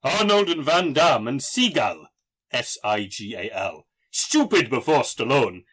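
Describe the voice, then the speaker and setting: A man's voice: medium pitch, big pitch swings, unhurried, a bit bright. A man voicing an earnest Russian film fan who speaks broken English with missing words and odd phrasing. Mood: earnest admiring.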